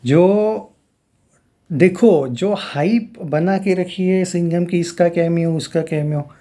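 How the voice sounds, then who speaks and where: Rambling young man, mellow voice. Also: sits high, takes it slowly. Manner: rambling, with many fillers and restarts. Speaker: film news YouTuber. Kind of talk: casual film commentary.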